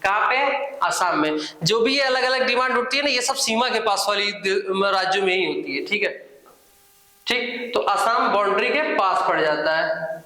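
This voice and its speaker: A man's voice: high-pitched, moderate pace, sharp tone, heavy reverb, rough recording. A man teaching a current affairs quiz lesson, repeating each answer and adding informal asides.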